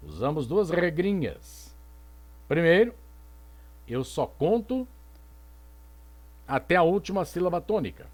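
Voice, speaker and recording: Slow, lively-voiced male teacher. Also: on the high side. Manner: didactic, asks rhetorical questions and answers them; reads poetry aloud slowly. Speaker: literature teacher. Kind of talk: recorded lecture.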